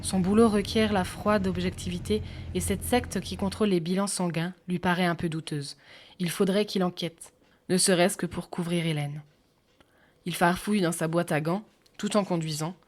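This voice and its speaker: Calm woman narrating a sleep story. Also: on the low side, moderate pace, a little hiss or hum. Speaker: audiobook narrator. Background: faint music.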